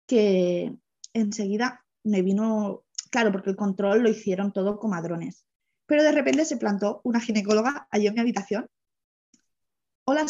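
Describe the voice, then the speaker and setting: A young woman, telling a personal story in a lively way, with many fillers. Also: medium pitch. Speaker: guest. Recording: dull lo-fi sound.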